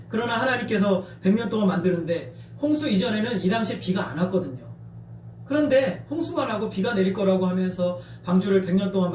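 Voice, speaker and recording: A middle-aged male pastor preaches in a high voice, and he acts out shouts and taunts as he goes. His voice rings around the church sanctuary and comes from some way off the mic. A faint hum runs underneath. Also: reverberant, recorded from a distance. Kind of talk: sermon.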